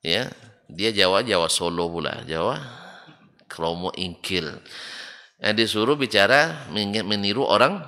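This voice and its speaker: A man's voice: fairly low pitch, unhurried, pauses often, sharp tone. A man giving a religious study lecture, asking his listeners rhetorical questions and acting out both sides of an exchange. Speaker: Islamic religious teacher. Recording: long reverb of a large hall.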